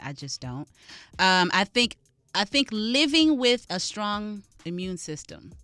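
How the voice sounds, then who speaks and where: A woman guest on a radio show, a health practitioner giving measured, thoughtful answers in casual conversation. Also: mid-range voice, big pitch swings, bright, forceful tone, no room sound. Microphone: studio mic.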